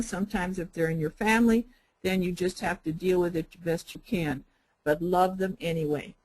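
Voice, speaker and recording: An older woman with a lowish voice runs a spiritual healing workshop, gentle and unhurried, repeating her points and spelling them out. The audio quality is poor.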